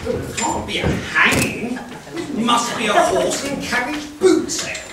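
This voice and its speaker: A man playing a vain, genteel lady in an amateur stage pantomime, speaking in a shrill, camp, arch manner. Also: lively intonation, a little slow. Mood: arch, playful. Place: school-style hall stage, before audience. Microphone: distant audience camera. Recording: echoey hall from far off, loud noise.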